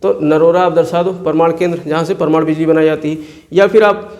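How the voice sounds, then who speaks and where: The audio is dull, carrying a man's slightly high, slightly mellow voice at a fairly quick pace and a fairly even intonation. He's a teacher working through exam map exercises, answering his own questions and repeating key place names for drilling.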